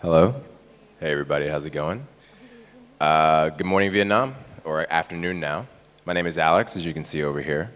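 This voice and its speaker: A man with an extremely deep voice speaks from a conference stage, his words ringing through a hall with long reverb. He grew up in Taiwan and talks in an easygoing, conversational way, tagging points with quick checks to the crowd. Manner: relaxed, conversational, frequent "right?" tags. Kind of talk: conference presentation.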